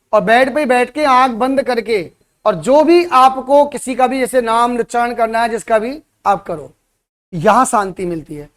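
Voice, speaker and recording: High-voiced man lecturing students. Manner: lecturing with frequent rhetorical questions to the class. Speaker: coaching teacher. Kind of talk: motivational classroom talk to students.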